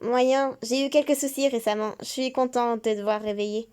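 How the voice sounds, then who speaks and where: A woman's voice: a little high, steady tone, normal speed, darkish tone, clear, resonant tone, lightly acted. A woman voicing an upbeat, evasive young male game character. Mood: friendly.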